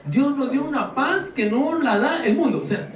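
A male pastor preaching a sermon to his congregation, animated and joking, firing rhetorical questions at them. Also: very high-pitched, moderate pace. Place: church hall. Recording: echoey hall, voice from far off.

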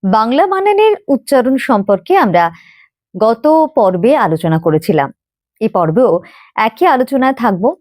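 A woman's voice: on the high side, big pitch swings, normal speed, darkish tone, no echo, clean studio sound. A woman teaching a pronunciation lesson, explaining patiently, spelling out letters and repeating example words.

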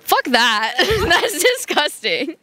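A woman's voice: high-pitched, very animated, takes it slowly, pushed and bright. A woman giving frank, giggly answers in a street interview outdoors at night.

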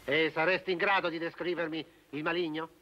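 An actor playing a dignified male cardinal who speaks in a slow, measured way, in a film comedy. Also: fairly high pitch, little pitch movement, pushed and bright, dull audio. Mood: solemn.

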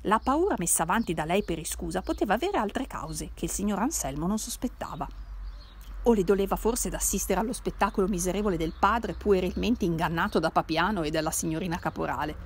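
Woman reading an old novel aloud, lots of pitch movement, faint hiss behind. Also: lively intonation, fairly quick. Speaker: reader.

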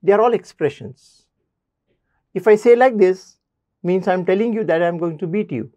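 A man's voice: sits high, moderate pace, dark tone, dry recording. A man teaching a basic math lesson. He addresses students directly and repeats key points.

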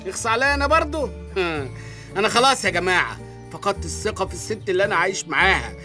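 A man with an Egyptian Arabic accent playing a jealous, excitable young husband in a comic radio drama, indignant and quick. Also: high-pitched, soft background music, full character voice. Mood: fed up. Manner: indignant, rapid complaints.

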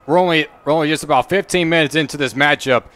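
A man's voice: on the high side, quick pace, fairly bright tone. A man giving conversational, explanatory color commentary on a live soccer match.

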